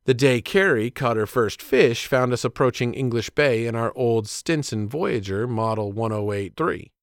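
A man narrating a personal story about himself as a father in measured, plainspoken scripted narration. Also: mid-range voice, no echo, studio quality.

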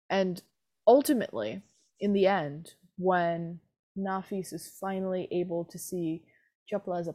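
A young woman with a slightly low voice talks through a book in a loose, chatty way. She mocks herself and laughs often. Her voice sounds close and dry. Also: darkish tone, dry recording. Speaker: podcast co-host discussing a book. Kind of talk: casual chat.

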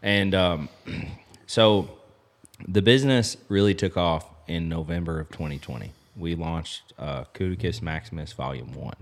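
A man's voice: low-pitched, a little slow. A man in his thirties telling a story as a podcast guest, rambling and loose with lots of filler. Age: 30s. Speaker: podcast guest, apparel business co-founder. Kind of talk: casual storytelling chat. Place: lodge.

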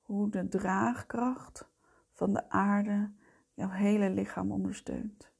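A woman leading a guided meditation in a soft, breathy voice that often fades towards a whisper, soothing, gentle and unhurried. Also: medium pitch, steady tone. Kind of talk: slow guided meditation narration.

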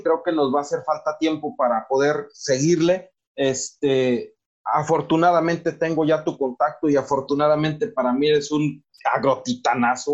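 A man with a Mexican Spanish accent hosts a casual podcast interview and addresses his guest in a friendly way. His voice is slightly high. The recording sounds dull and lo-fi. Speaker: podcast host. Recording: dull lo-fi audio.

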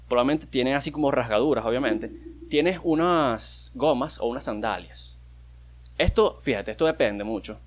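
A man giving a casual comedic monologue, mocking and profane, stumbling over repeated words. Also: medium pitch.

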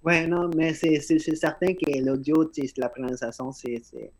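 A man's voice: a little high, normal speed, a little mellow. A podcast host, a man with an accent and slightly slurred articulation, talking earnestly in a casual conversation and often repeating words as he starts a thought. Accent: non-native-sounding French accent.

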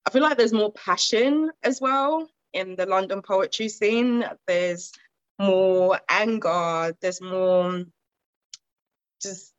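In a loose, casual interview, a guest poet from Zimbabwe, a woman in her twenties, wanders through talk of her poetry with frequent fillers and laughter. She speaks slowly in a mid-range voice, and the audio sounds dull but has no echo.

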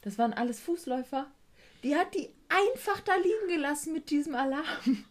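In a casual chat, a woman who works as a care worker with a residential group recounts a work trip. Her voice sits high, sounds expressive, and moves fairly quickly. She's blunt, swears, and acts out the dialogue.

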